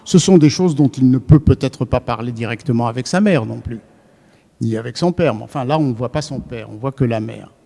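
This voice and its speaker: A man's voice: mid-range voice, fairly quick, gravelly, warm tone. A man giving an academic lecture to a live audience, thinking aloud and often restarting his sentences. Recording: long reverb of a lecture hall.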